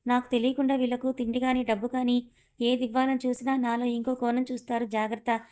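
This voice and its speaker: A woman's voice: on the high side, level tone, fast talker, dark tone, natural voice. A woman voicing a mean, scornful older woman who mocks and scolds. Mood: mocking. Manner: mocking, scolding.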